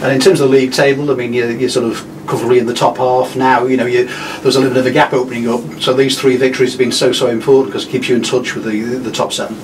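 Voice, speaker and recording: A man's voice: mid-range voice, little pitch movement, racing, few pauses. A man interviewing a player after a match, asking long, rambling questions full of fillers. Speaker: club media interviewer. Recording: distant mic with room noise.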